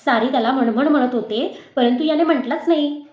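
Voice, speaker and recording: A woman teacher reading a moral story aloud in a measured, expressive manner. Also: high voice. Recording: echoey room.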